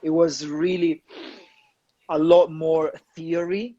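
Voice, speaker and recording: A man's voice: a little high, level tone, slow pace, dark tone, no echo, dull audio. A young man from southern Italy with an Italian accent, talking as a guest in a casual interview, with many fillers and restarts. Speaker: guest photographer.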